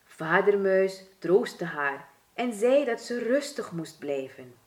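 A woman with a Surinamese Dutch accent unhurriedly reads every sentence of a children's storybook. Her mid-range voice swings up and down with life, expressive and deliberate throughout.

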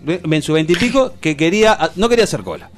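A young Uruguayan man with a Uruguayan Spanish accent, hosting a radio show and telling a story in casual chat, acting out dialogue. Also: fairly quick. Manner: animated, acts out dialogue in a low voice.

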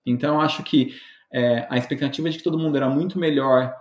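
A Brazilian man with a Brazilian Portuguese accent, a medical educator, appears as a guest in a casual podcast interview, joking and mocking himself as he tells stories packed with fillers. His mid-range voice is fast with a steady tone, and the recording has a roomy echo.

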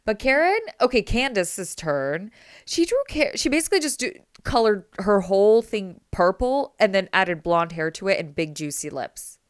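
A woman's voice: mid-range voice, expressive, normal speed, clear, resonant tone, dry recording, studio quality. A young woman co-hosting a podcast, chattily recapping a reality show episode and laughing often, heard over remote call audio. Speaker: podcast co-host. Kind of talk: casual TV recap chat.

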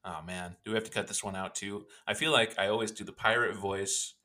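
A man's voice: lowish voice, steady tone, a little fast, bright, forceful tone. A man co-hosting a podcast, chatting casually and rambling with self-deprecating jokes. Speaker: podcast co-host. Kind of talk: casual chat.

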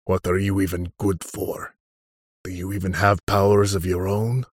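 A contemptuous, deadly older killer who drawls his threats slowly, as a man voices him in an audiobook. The voice sits low and a little husky, close and dry with no room around it. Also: little pitch movement, dry recording. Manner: slow, contemptuous, menacing. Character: cold, arrogant older male superhuman killer. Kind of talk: audiobook character reading.

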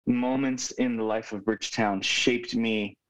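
A man in his twenties from Hawaii, a youth pastor telling his story as a podcast guest in an earnest, reflective way with thoughtful pauses. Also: fairly low pitch, fairly even intonation, slight background noise. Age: 20s. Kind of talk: casual conversational storytelling. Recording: dull lo-fi remote audio.

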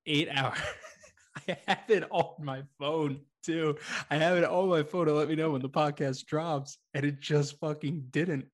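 A man with a fairly high voice chats as a podcast co-host. His talk is casual comedic banter, peppered with swearing and jokes at his own expense. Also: fairly even intonation, measured pace. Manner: profane, joking, self-deprecating.

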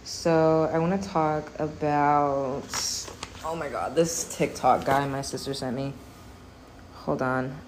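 A young adult woman hosting a solo podcast, rambling casually with lots of fillers, cussing and quick laughs. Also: low-pitched, fairly even intonation, slight background noise. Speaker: podcast host.

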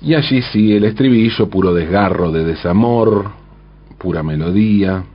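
Male commentator, reflective lyric analyst, slightly low and breathy-husky tone, muffled recording. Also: normal speed. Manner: thoughtful, frequent rhetorical "¿no?", self-corrections.

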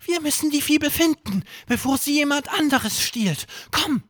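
A man playing a bold, adventurous young boy in a children's audio drama, with a pushy, high boyish voice. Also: expressive, moderate pace, a bit bright, no echo, clean studio sound. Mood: urgent.

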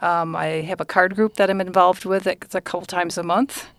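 A woman's voice: fairly low pitch, flat delivery, a little fast, no room sound. A woman in her sixties, a guest on a podcast, talking about her life in a brief, matter-of-fact way. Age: 60s. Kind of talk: casual chat.

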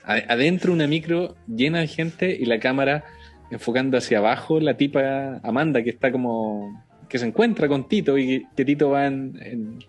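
A man's voice: medium pitch, moderate pace, soft background music. A man with a Chilean accent chatting casually about a film and acting out its characters' lines as he retells scenes.

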